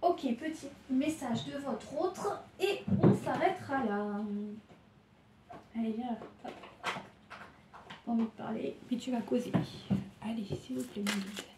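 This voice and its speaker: Woman doing a tarot reading, stuffed-up nose, feverish and tired, lots of ums and restarts, kinda high voice, echoey room. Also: a little slow, pauses often, very noisy. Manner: hesitant, many fillers and restarts. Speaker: tarot reader.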